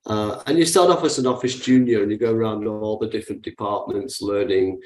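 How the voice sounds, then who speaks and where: A man in his sixties with a Manchester English accent talks through his past in a conversational interview. His voice sits low, and he hesitates, with frequent ums and repeated words. The recording has a noticeably roomy echo. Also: fairly quick, a little mellow. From England. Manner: hesitant, many fillers and restarts. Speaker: guest investor.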